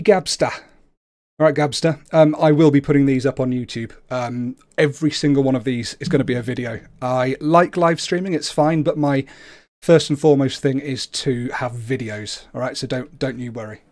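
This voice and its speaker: A man's voice: medium pitch, darkish tone. A man hosting a livestream, casually explaining the video game he plays. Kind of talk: casual explanatory gameplay commentary. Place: indoors at a computer, webcam.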